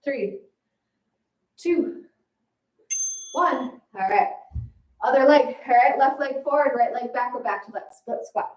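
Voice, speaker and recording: A woman with a high voice coaches a circuit workout in classic aerobics instructor style. She gives short commands, counts and steady encouragement. The sound is roomy and echoing, with the mic some way off from her. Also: slow, pauses often, lo-fi sound. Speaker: fitness instructor. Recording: echoey room, distant mic.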